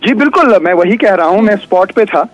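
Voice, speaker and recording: A man's voice: sits high, expressive, soft background music. A male news reporter calling in by phone, explaining at length with frequent hesitations. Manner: measured, explanatory, frequent "uh" fillers. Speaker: field reporter on phone line. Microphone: phone line. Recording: muffled dry phone line.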